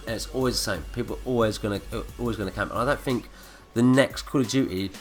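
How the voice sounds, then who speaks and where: A gaming commentator with a cold-blocked nose rants and swears while narrating gameplay, talking fast in a lowish voice. Faint music plays in the background.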